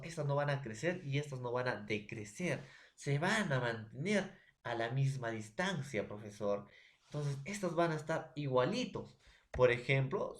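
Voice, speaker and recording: Male teacher, Peruvian accent, patient explainer who keeps asking if the class follows, mid-pitched. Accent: Peruvian Spanish. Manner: explains slowly with a homely story, checks in with questions. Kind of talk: recorded classroom lesson.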